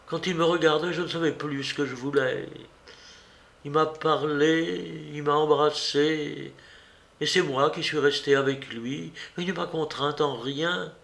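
A man reading aloud, voicing a young servant woman who speaks in a calm, commanding way. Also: a little high, a little slow, gravelly, roomy sound, pitched above the performer's own voice. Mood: confessing. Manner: cold, commanding, quiet.

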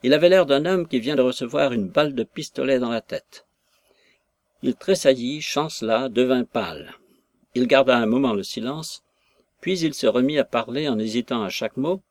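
A man reads a classic novel aloud in a measured, even way. His voice sits at a middle pitch, recorded close and dry with no echo. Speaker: audiobook narrator. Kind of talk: scripted narration of a classic novel.

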